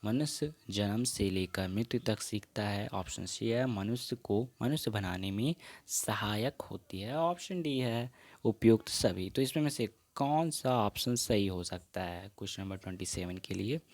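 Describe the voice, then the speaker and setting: A man's voice: lowish voice, expressive, normal speed, a little mellow. A man teaching an exam practice lesson, reading out quiz questions and answer options one by one and slipping into English phrases.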